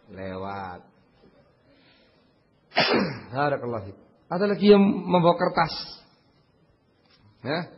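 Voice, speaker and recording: Male preacher, raised voice, husky; animated storyteller, dull lo-fi recording. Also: fairly high pitch, in a large hall. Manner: animated storytelling with big swings between loud and murmured asides. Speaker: Islamic preacher. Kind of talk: religious lecture.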